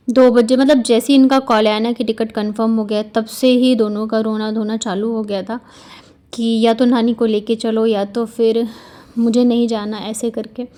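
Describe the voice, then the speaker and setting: Woman vlogger talking to camera, chatty and confiding, kinda high voice, soft heartfelt tone. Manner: chatty, confiding, full of fillers like "you know". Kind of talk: casual vlog narration.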